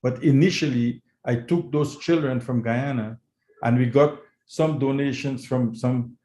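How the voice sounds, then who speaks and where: A man who grew up in Canada, a heart surgeon giving an earnest, halting talk as a guest over a video call. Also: mid-range voice, steady tone, warm tone. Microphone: computer mic on a video call. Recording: echoey room, faint background noise.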